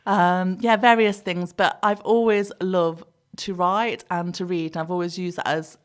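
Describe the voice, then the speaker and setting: A woman's voice: on the low side, fairly even intonation, a little slow, smooth. A woman from Nottingham, chatting as a PR consultant in an interview, laughing often and using many fillers. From England (Nottingham). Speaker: PR consultant, guest. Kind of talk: casual interview chat.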